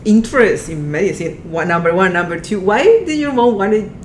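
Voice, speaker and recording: A woman's voice: lively intonation, fairly quick. A woman hosting an interview podcast, asking curious questions. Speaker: podcast host. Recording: echoey room with faint rumble.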